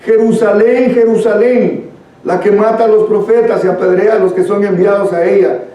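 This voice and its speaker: A man with a Guatemalan accent leads a church Bible study, reading scripture and explaining it in an earnest, conversational way. His voice is high, creaky and warm, and the distant mic picks him up in a very echoey room.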